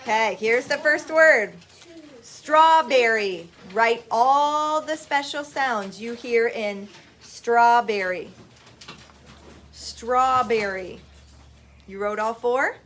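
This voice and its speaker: A woman teaching a classroom phonics lesson, brisk with the children and slow and lilting when reading poetry aloud. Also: fairly high pitch, a bit bright, a little hiss or hum. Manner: brisk, reads poetry slowly with a lilt.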